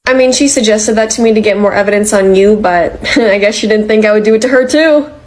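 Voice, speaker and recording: A woman's voice: mid-range voice, a little fast, natural voice, low-quality recording. [name], a woman voicing an exasperated young worker. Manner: exasperated, protesting. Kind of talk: animated comedy dialogue.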